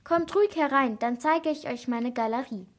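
Friendly rich painter lady read by a woman, welcoming, slightly high voice. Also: moderate pace. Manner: welcoming, polite.

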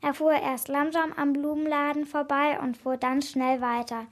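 A woman with a high voice reads a children's story aloud. Her reading is clear and expressive, and she keeps a steady storybook rhythm. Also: normal speed.

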